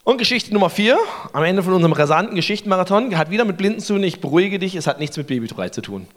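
Playful, high-pitched man preaching a lively story sermon to a live crowd. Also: very fast. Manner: playful, joking, directs audience participation. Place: before a live congregation.

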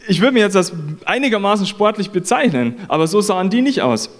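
A man's voice: high-pitched, lively intonation, a little fast. A man preaching a sermon in an earnest, conversational way, repeating phrases for emphasis.

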